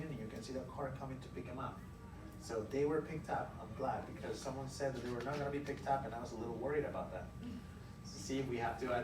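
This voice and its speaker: A mid-range male voice, captured from a distance, belongs to a teacher reading a storybook aloud to young pupils in an indoor classroom. He tells the story expressively and quizzes the children with encouraging emphasis, while the roomy space adds plenty of background noise.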